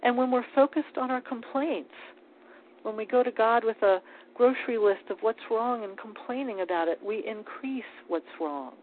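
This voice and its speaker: Woman teaching prayer over a tinny line. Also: fairly high pitch. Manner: calm, measured, with small restarts. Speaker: spiritual teacher. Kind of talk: spiritual talk on prayer. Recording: tinny phone-like line with faint hiss.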